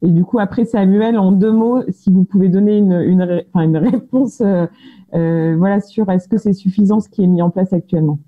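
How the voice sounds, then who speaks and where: A woman's voice: medium pitch, normal speed. Phone-like sound, woman moderating a discussion. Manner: hesitant, rephrasing questions as she goes. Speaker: round-table moderator. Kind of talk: unscripted panel moderation. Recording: dull band-limited phone-like sound.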